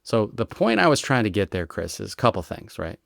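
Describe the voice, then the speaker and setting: A man, a retired American federal agent, explaining his methods in an interview with lively examples and frequent "right?" checks. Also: fairly low pitch, brisk, creaky, dry recording, clean studio sound. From United States. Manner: animated storyteller, explains with examples and rhetorical "right?". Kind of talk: conversational explanation.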